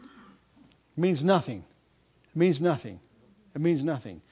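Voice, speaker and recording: A man in his fifties preaching a sermon, driving points home with repeated lines and quick restarts. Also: on the high side, sing-song, a little mellow, slightly rough. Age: 50s. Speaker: pastor.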